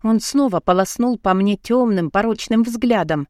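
A woman narrating a first-person audiobook in an expressive storytelling read. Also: mid-range voice, moderate pace, no room sound, clean studio sound.

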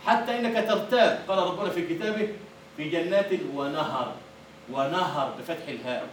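A man with an Egyptian Arabic accent giving a university lecture on poetry and meter, who explains words and then recites verses slowly and emphatically. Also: fairly high pitch. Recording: echoey room from a distant mic with faint noise.

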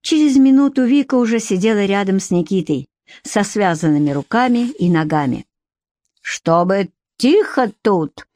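Woman narrator, mellow tone, dry close read. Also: mid-range voice, animated, fairly quick, no echo. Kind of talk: audiobook narration.

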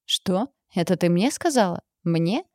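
A woman's voice: fairly low pitch, animated, a little slow, no echo, studio quality. Woman voicing a sneering young werewolf man. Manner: sneering, snarling, insulting. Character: rude arrogant young male grey wolf shifter.

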